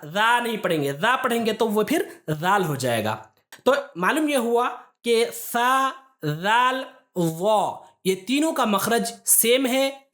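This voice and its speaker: A woman teaching a recitation lesson, explaining letter pronunciation step by step and pausing often to check that students follow. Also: medium pitch. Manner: patient, step-by-step explaining with frequent "theek hai" checks.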